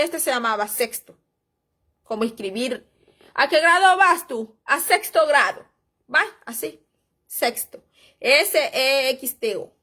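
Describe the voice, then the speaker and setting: A high-pitched, middle-aged woman teaches church history in a loose, rambling way. She reads short passages aloud, then drifts into chatty asides, warmly calling her listeners brothers and sisters. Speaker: Bible teacher. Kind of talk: informal church history lesson, reading aloud and commenting.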